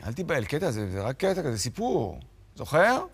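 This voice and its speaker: A man's voice: mid-range voice, huge pitch swings, heavy background noise. A man reading a picture book aloud to children in a playful way, chatting with a puppet sidekick between pages. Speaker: children's storyteller. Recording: story music playing underneath.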